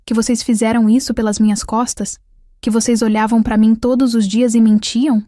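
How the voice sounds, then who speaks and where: A woman voicing a betrayed young man who shouts in anguish, in a narrated story. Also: fairly high pitch, flat delivery, moderate pace, no room sound, natural voice.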